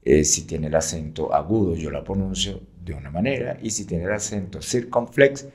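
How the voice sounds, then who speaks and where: A man's voice: low voice, normal speed, darkish tone. A man who teaches French, explaining patiently in an interview, with frequent fillers and checks like "right?".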